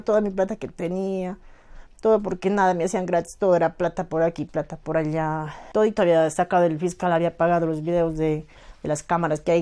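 A middle-aged woman with a southern Andean Ecuadorian accent, giving personal testimony as a victim's mother, halting and emotional, full of reported speech. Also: mid-range voice, mellow. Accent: southern Andean Ecuadorian Spanish, Azuay.

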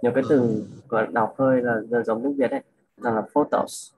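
A young man casually tutoring a classmate, repeating words and slowly modelling pronunciation. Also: mid-range voice, flat delivery, darkish tone, muffled recording. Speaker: student coaching a classmate.

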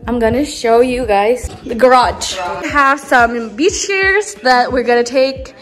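A young woman from Indonesia chatting excitedly on a handheld phone vlog, switching between Indonesian and English. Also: fairly high pitch, measured pace, soft background music, poor audio. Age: young adult. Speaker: vlogger. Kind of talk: casual vlog chat. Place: rental house, backyard porch, car and store. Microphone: handheld phone camera.

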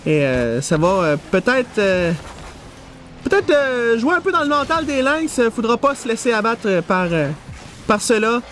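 Very high-pitched male esports analyst. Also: big pitch swings, moderate pace, a bit bright, a little hiss or hum. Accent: Quebec French. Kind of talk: match commentary and analysis.

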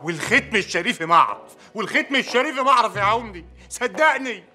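A frantic village peasant, begs and swears he is innocent in a very high, racing Egyptian voice that swoops all over. His talk is bright and pressed. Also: animated, full character voice. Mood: pleading. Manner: pleading, swearing oaths, rushed. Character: frightened village peasant man pleading innocence.

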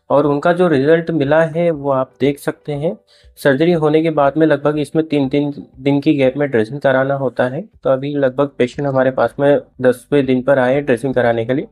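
A young male clinic doctor, in a clinic room, talks to the camera about a patient's post-surgery result, explaining it steadily with filler pauses. His voice is medium in pitch and a little mellow.

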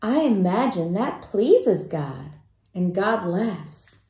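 Slow, gentle woman reading to kids. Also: medium pitch, sing-song. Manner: slow, gentle storytelling with questions to children. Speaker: children's book reader. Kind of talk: reading a picture book aloud. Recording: roomy echo.

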